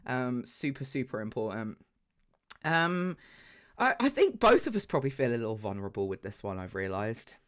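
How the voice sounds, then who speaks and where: Chatty man, animated. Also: mid-range voice, moderate pace. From south coast of England. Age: around 40. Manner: animated, chatty, swears casually. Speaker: podcast co-host. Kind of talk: casual chat.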